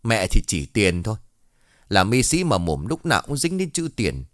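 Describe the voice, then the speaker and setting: A man's voice: lowish voice, sing-song, normal speed, a bit bright, no room sound, clean studio sound. A man voicing a kindly, chatty older village man who worries easily. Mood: fond gossip.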